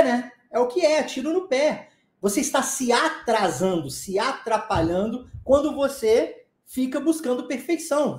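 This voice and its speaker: A Brazilian man with a fairly high, mellow voice teaches an online English lesson. He explains emphatically and keeps checking that the listener follows. The recording has a roomy echo. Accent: Brazilian Portuguese.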